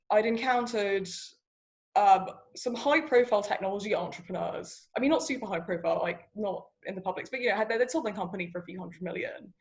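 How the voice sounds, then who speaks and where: A woman startup founder giving candid, chatty interview answers, full of fillers. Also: medium pitch.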